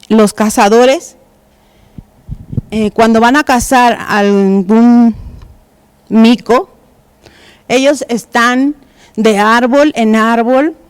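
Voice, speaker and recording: Slow, halting woman preacher with a higher voice. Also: smooth, no room sound. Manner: hesitant, many fillers and restarts. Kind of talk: sermon. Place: church.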